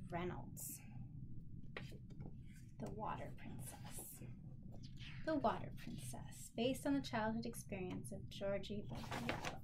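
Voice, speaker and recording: With a slightly high voice and noise behind her, this woman teaches children the way a special education teacher would, encouraging them in simple language through a lesson and read-aloud.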